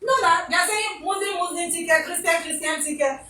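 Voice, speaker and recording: A woman's voice: extremely high pitch, brisk, pushed and bright, echoey room, distant mic, poor audio. A Nigerian woman hosting a talk show in a casual, opinionated way, slipping into Pidgin turns of phrase. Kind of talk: casual studio interview.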